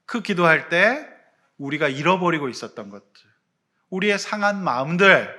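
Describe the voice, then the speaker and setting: A man preaching a Sunday sermon as pastor, lively and emphatic, dropping into quiet acted prayers. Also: on the high side. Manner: animated preaching, swinging from loud emphasis to hushed prayer voices.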